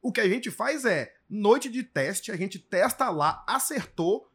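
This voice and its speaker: Brazilian comic in his 40s, high voice, lively storyteller who mimics others. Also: unhurried, husky. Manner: animated, acts out quoted voices with big pitch jumps. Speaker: stand-up comedian. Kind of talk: casual chat.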